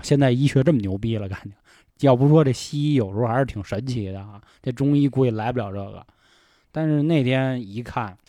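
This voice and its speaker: Male podcast host, frank reflective chat, mid pitch, dry studio mic. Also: mellow, no room sound. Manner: frank, swears a lot, reflective. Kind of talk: casual chat.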